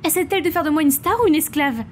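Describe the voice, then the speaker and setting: A woman's voice: high-pitched, fast, slight background noise, voice pushed up, natural voice. A woman voicing a weary teenage girl pushed toward fame, complaining and exasperated. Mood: griping. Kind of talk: storybook character voice.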